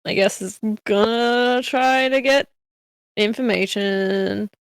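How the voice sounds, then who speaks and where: A woman's voice: fairly high pitch, slow pace, smooth, dry recording. A woman chatting casually as a player in a tabletop role-playing game.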